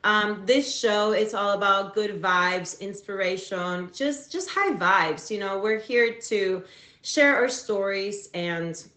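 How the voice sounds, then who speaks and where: Hosting a livestream talk show from an echoey room, this upbeat Cuban woman, a native Spanish speaker, chats casually while filling her speech with fillers and restarts. She has a medium-pitched voice that is slow, bright, and forceful.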